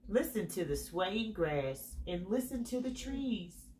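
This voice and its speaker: A woman voicing a gentle, wise little cricket in a storybook, giving kindly, measured encouragement to an outsider. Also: mid-range voice, big pitch swings, a little hiss or hum. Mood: gently encouraging.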